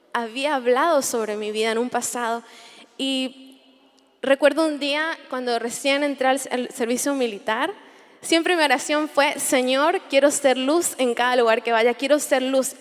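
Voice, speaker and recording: A young woman, giving an earnest personal testimony at a Bible conference, often repeating phrases as she searches for words. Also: on the high side. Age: 20s. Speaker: conference speaker. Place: large hall. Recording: long hall reverb.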